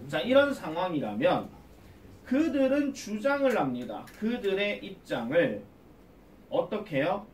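Male teacher, classroom lecture, lively pitch, quizzes students, distant echoey sound, faint background noise. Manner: animated, asks students questions and answers them himself. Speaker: academy English teacher.

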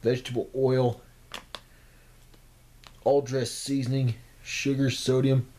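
A young adult man giving a casual, low-key food review in a halting, hesitant way. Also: little pitch movement, warm tone. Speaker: snack reviewer. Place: small room at home, indoors. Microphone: camera at about arm's length. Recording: faint background noise, amateur camera.

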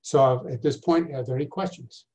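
A man's voice: medium pitch, normal speed, darkish tone. An older man teaching a history lecture over a video call, conversational, with rhetorical questions and wry asides. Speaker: instructor.

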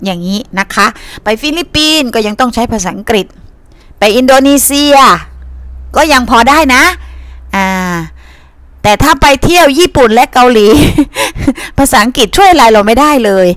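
A woman's voice: on the high side, expressive, moderate pace, fairly bright tone, no room sound. A woman teacher giving a reading lesson in a chatty way, asking her pupils questions and answering them herself. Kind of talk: reading-comprehension lesson to students.

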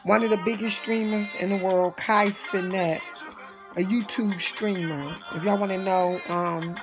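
An older woman reviewing fast food in casual chat, talking straight to her viewers. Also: medium pitch. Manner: chatty, talks straight to viewers.

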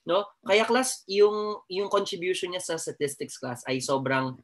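A man's voice: high voice, expressive, measured pace. A Filipino man giving a chatty, joking nursing lecture, mixing Tagalog and English and constantly addressing his class.

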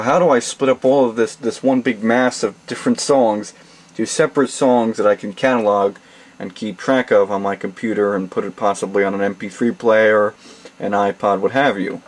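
A tutorial host with a lowish, fairly even voice walks through a how-to demonstration step by step at a moderate pace. He speaks plainly and methodically while working at his home desk, which holds a computer and a mixer.

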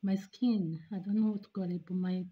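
A woman's voice: medium pitch, steady tone. Woman talking with fingers in her mouth. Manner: halting, talks through discomfort. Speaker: vlogger. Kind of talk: casual video demonstration. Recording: dull lo-fi audio.

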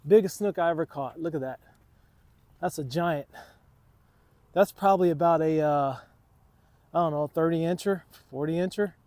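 Here the middle-aged fishing vlogger talks at a moderate pace, pausing often, in a voice on the high side with a slightly mellow quality and no room sound. He's out on a waterfront dock, casually chatting to viewers he calls "guys." Filming uses a tripod-mounted camera, sometimes held selfie-style.

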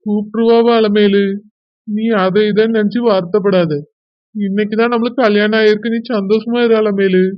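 A woman's voice: medium pitch, fairly even intonation, moderate pace, no echo, highs cut off, natural voice. A woman voicing a young village husband with a Kanyakumari accent, pleading and blaming himself in a village drama. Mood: reassuring. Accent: Kanyakumari Tamil. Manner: pleading, self-blaming lament. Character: young village man, remorseful, tender to wife.

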